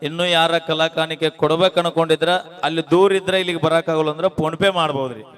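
Loud teasing stage emcee, high-pitched man. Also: fairly even intonation. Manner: loud teasing, quick comic retorts to the crowd. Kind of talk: live stage comedy banter.

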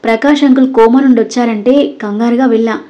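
A woman voicing a caring young husband who speaks gently and reassuringly. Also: a little high, fairly even intonation, fast, muffled recording, close to an everyday voice. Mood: gentle.

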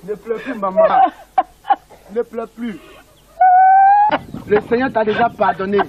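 Earnest village pastor, high-pitched. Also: male voice, a little slow. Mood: consoling. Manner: reassuring, preacherly. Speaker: actor. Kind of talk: film drama acting. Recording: noisy old village film soundtrack.

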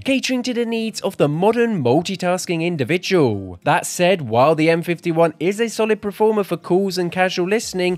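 A man's voice: sits high, no room sound. Man narrating a review, dry close sound. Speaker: tech reviewer. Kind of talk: scripted product review narration.

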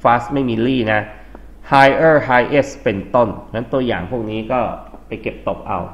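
A man's voice: mid-range voice, unhurried, lo-fi sound. A man with a Thai accent teaching an English grammar lesson for exam prep, explaining steadily and spelling words out letter by letter. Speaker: English tutor.

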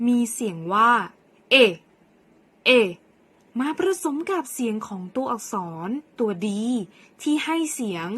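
A woman teacher from Thailand leading a phonics lesson for young children, sounding out each letter slowly and clearly and cheering them on. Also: on the high side, expressive, fairly bright tone. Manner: slow, clearly sounded-out model pronunciations; encouraging teacher talk to young pupils. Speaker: English teacher.

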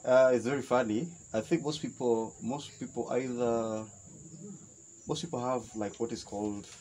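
A man's voice: medium pitch, fairly even intonation, normal speed, a little mellow, slight background noise, poor audio. A young man with a Kenyan accent, answering interview questions in a reflective, hesitant way, often restarting his sentences. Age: young adult. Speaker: interview guest. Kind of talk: relaxed outdoor conversation. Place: shaded veranda by a wetland, outdoors.

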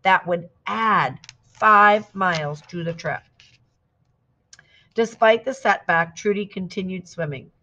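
A woman reading a children's picture book aloud as scripted narration, steady and clear, lifting her voice for shouted quotes. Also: mid-range voice, slow, highs cut off. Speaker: storybook reader.

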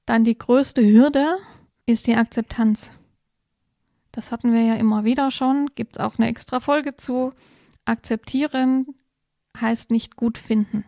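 A woman co-hosting a podcast, calmly explaining step-by-step advice in a casual conversation. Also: a little high, unhurried, no echo, studio quality. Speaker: podcast co-host explaining parenting topics.

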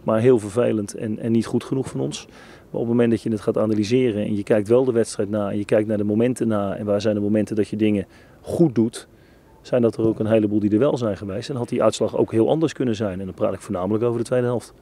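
A man speaking as a football coach in an interview, measured, analytical and frank. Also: lowish voice, steady tone, warm tone. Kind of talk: post-match interview.

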